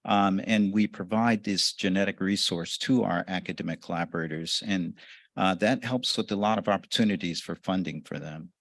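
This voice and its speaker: A man giving a conference presentation in a relaxed way, with uhs and restarts. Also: low-pitched, moderate pace, dry recording. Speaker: conference speaker.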